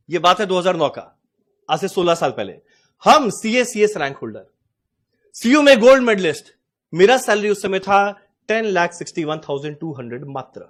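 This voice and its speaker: A man's voice: sits high, fairly bright tone. A man in his forties teaching cost accounting in a chatty, storytelling lecture. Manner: chatty, storytelling, addresses students as "tum log". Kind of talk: lecture with a personal anecdote.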